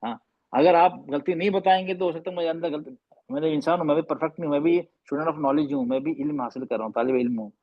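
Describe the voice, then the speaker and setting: A man with a slightly high voice talks fast while teaching Arabic letter sounds online, patiently repeating and drilling each one. He blends English phrases into Hindi. His video call microphone yields a muffled recording without echo.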